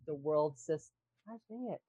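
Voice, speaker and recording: A man's voice: a little high, animated, noisy background. A man on a call that keeps dropping out. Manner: halting, restarts, checks if he can be heard. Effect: remote call audio dropping out and cutting back in. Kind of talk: casual panel discussion of world news. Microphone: remote call microphone.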